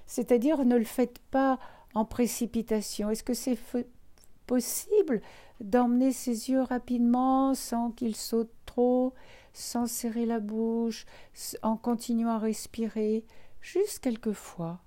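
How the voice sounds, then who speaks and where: Female relaxation instructor, warm mellow tone, very unhurried pace, calm step-by-step guidance with room to pause. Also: fairly high pitch. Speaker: instructor of a guided eye-relaxation exercise. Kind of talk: guided relaxation lesson, speaking directly to listeners.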